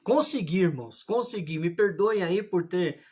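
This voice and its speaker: High-voiced preacher reading scripture. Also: male voice, lively intonation, a little mellow, slightly rough. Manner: addresses listeners as brothers, reads scripture aloud in a measured way. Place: indoor room at home, religious images behind him. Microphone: livestream camera.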